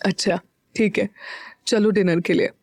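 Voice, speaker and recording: A doting middle-aged father in an audio story, soft and affectionate with his daughter, as a woman narrator plays him. The recording is close and dry. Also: medium pitch, steady tone, unhurried, dry recording.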